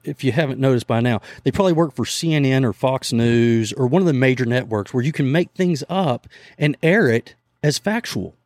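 A man's voice: medium pitch, fairly quick, hardly any pauses, a little mellow, no echo. A man from Texas, co-hosting a casual chat in a wry, joking, easygoing way.

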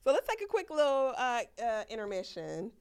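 A woman's voice: fairly high pitch, very animated, a little fast, clear, resonant tone. A woman hosting a podcast, a mother, chatting casually in slang and laughing often. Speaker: podcast host.

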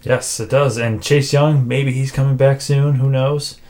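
A man co-hosting a casual sports podcast, making game picks in a dry, self-described monotone with frequent filler words. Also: mid-range voice, a little slow. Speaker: podcast co-host.

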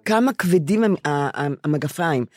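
A woman's voice: fairly low pitch, lively intonation, a little mellow, dry recording, studio quality. An older woman chatting casually, telling her stories emphatically and often repeating herself. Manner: emphatic, repetitive storytelling. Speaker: podcast co-host. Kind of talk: casual chat.

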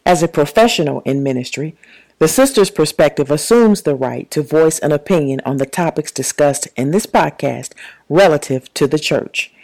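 Gravelly-voiced woman minister's commentary. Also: sits low, lively intonation, darkish tone, rough recording. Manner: measured, preacherly emphasis. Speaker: co-host in ministry. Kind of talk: prepared commentary, read aloud.

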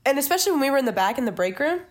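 Lively girl w a higher voice jumping in a lot, bit of a cough. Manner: animated, quick to jump in. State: has a cough. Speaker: podcast co-host. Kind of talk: casual chat.

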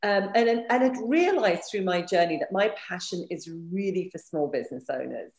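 A woman with a croaky, froggy morning voice, answering conversationally as a business coach being interviewed and repeating phrases for emphasis. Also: fairly low pitch, lively intonation, normal speed, a little mellow. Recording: roomy, echoey sound.

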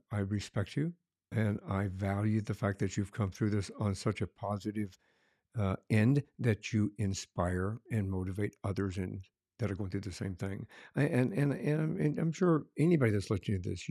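A man's voice: lowish voice, mellow, no room sound, studio quality. A man from Colorado, a former police officer, hosting a casual interview and rambling with restarts and chuckles. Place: Arizona.

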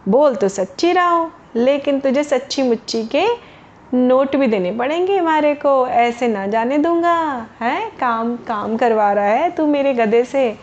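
A woman voicing a shrewd, money-minded village merchant man, calling out loud and drawn-out in a storybook tale. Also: high voice, expressive, highs cut off, slight background noise. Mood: bargaining.

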